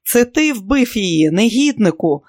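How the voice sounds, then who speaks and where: A reader voicing a young husband who shouts and sobs in raw grief, in an audiobook. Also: medium pitch, big pitch swings, a little slow, no echo, studio quality, pitched above the performer's own voice. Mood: frantic. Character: young man, grief-stricken and frantic.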